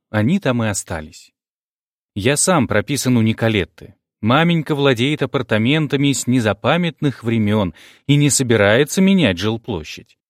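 A man's voice: mid-range voice, dry recording, clean studio sound. A man narrating an audiobook in the first person, wry and polite.

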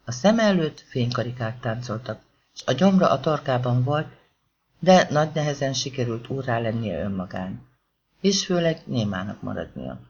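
A man narrating a crime novel as an audiobook with an expressive, dramatic reading. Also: medium pitch. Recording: dull lo-fi audiobook recording.

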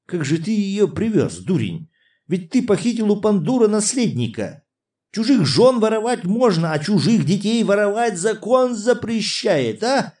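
A man's voice: high voice, very animated, unhurried, a little mellow, pitched above the performer's own voice. A man reading an audiobook, voicing a boisterous, laughing older prince who exclaims and teases. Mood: teasing. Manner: exclaiming, guffawing, teasing. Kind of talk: audiobook character voice.

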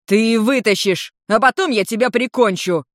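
A storyteller voicing a foul-mouthed, furious male dragon in human form who yells and curses. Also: medium pitch, normal speed, no room sound, clean studio sound, voice pushed up, natural voice. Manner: shouting, cursing.

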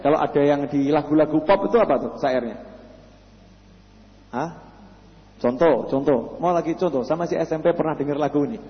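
Lively preacher, high voice. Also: male voice, fairly quick, pauses often. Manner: lively, humorous, rhetorical questions. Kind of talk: Q&A sermon to a live audience. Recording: lo-fi reverberant hall recording.

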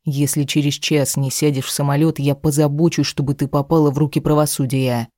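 A woman's voice: deep voice, flat delivery, fairly quick, warm tone, no room sound, clean studio sound, close to an everyday voice. A woman voicing a cruel, angry husband in an audiobook, speaking harshly and threateningly. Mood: harsh anger. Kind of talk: audiobook character reading.

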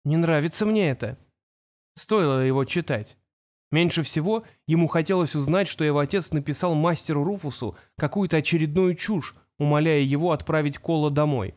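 A man narrating a fantasy novel aloud at a steady, measured pace. His voice sits somewhat higher than the usual male range. He reads calmly and evenly, as scripted storytelling. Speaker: audiobook narrator.

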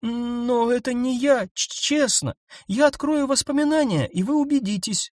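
A man voicing a gentle, timid telepathic alien creature, a young female student who speaks softly and pleadingly. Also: very high-pitched, normal speed, no room sound, clean studio sound, voice pushed up. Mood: earnest. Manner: soft, pleading, apologetic.

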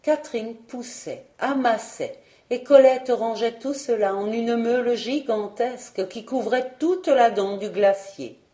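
A woman narrating a storybook in a calm, measured reading voice. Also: fairly high pitch, reverberant. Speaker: audiobook reader.

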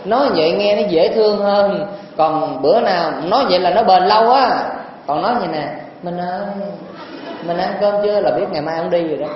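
A man's voice: high voice, fairly quick. A male monk with a Southern Vietnamese accent gives a folksy, teasing dharma talk and keeps putting questions to the audience, in a very echoey temple hall. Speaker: Buddhist monk teacher. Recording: very echoey hall, dull lo-fi sound, faint noise.

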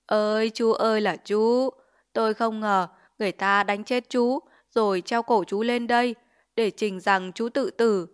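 A woman's voice: medium pitch, moderate pace, close to an everyday voice. A woman voicing a greedy, bullying male village chief who sneers and makes threats in a Vietnamese storybook reading. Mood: mock wailing. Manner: blustering, sneering, extorting.

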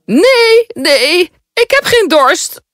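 A woman voicing a fairy tale princess with a cracked, croaky voice like an old hag. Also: very high-pitched, sing-song, drawn-out words, a bit bright, dry recording, clean studio sound, full character voice. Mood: croaky, curt. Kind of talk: storybook fairy tale acting.

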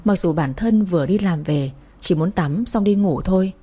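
Warm, breathy woman telling a story. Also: fairly low pitch, moderate pace. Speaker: narrator. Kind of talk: first-person story narration.

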